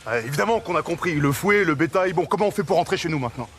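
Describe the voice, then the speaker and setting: Exasperated guy, quick talker, lively voice. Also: a little high. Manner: exasperated, impatient. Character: impatient, exasperated young man. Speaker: film character.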